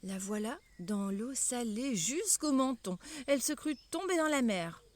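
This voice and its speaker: An older woman reading a children's story aloud in a measured, expressive way. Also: a little high.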